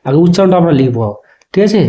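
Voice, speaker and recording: A man teaching a spoken lesson to students, spelling letters out slowly and often checking that they understood. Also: a little high, lively intonation, dark tone. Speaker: online teacher.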